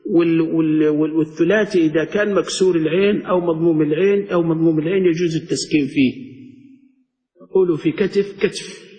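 A man's voice: on the high side, fairly even intonation, fast, warm tone, long reverb tail. A man, a sheikh teaching a grammar lesson, quizzing his students and drawing out his recited examples. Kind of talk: classroom lesson explaining a text.

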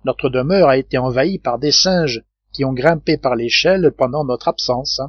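A man's voice: normal speed, no echo, lightly acted. Man playing a blustering hot-tempered sailor. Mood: indignant. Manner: loud indignant outbursts, raised pitch. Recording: dull dry lo-fi recording.

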